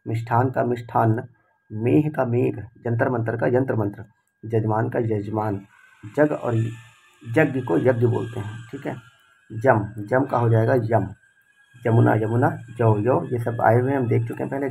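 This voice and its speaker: A man teaching for an exam, briskly reading out word pairs with frequent fillers. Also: medium pitch, gravelly, warm tone, slight background noise. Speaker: Hindi teacher. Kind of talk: exam-prep lesson, reading word lists.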